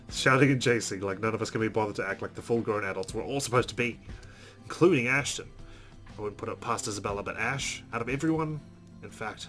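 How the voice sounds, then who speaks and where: With the game's guitar music behind him, a streamer reads out a visual novel's narration, occasionally tripping over words and adding amused comments. His male voice is on the low side and slightly bright.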